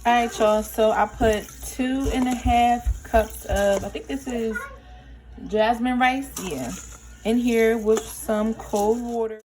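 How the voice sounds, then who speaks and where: A woman's voice: on the high side, fairly even intonation, slow pace, a little mellow, a little hiss or hum. A young adult woman chatting casually to viewers while cooking in her home kitchen, folksy and talkative. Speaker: cooking vlogger.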